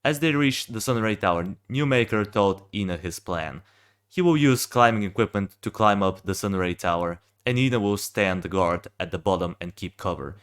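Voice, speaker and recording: A man's voice: on the low side, lively intonation, moderate pace, fairly bright tone. A young man who just woke up reads a fan-made game backstory aloud, stumbling and restarting often. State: just woken up. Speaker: game fan reviewing a hero design.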